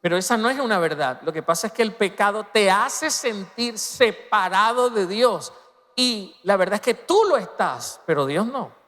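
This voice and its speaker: A man preaching a sermon as pastor, swinging between loud emphatic peaks and soft, low passages. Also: lively intonation, moderate pace. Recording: long reverb of a large hall.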